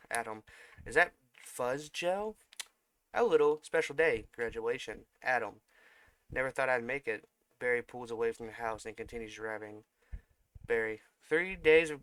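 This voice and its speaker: A man's voice: medium pitch, sharp tone, clear, resonant tone, no room sound. A man reading a whole film script aloud as a comedy bit, voicing every part in his own voice and stumbling now and then. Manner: reads all parts in one mostly plain voice, with small slips and self-corrections.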